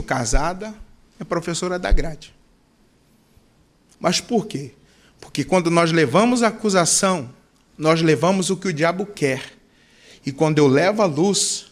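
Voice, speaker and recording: A young man preaching as a pastor, telling a personal story and leading a prayer, with passion that swings between loud and hushed. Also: a little high. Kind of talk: sermon with testimony and prayer.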